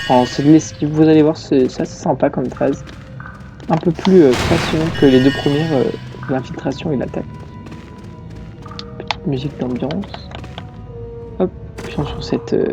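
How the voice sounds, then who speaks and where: Tired man chatting over a game. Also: fairly high pitch. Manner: chatty, rambling asides. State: tired, yawning. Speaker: let's play gamer. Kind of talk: casual gameplay commentary. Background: game music.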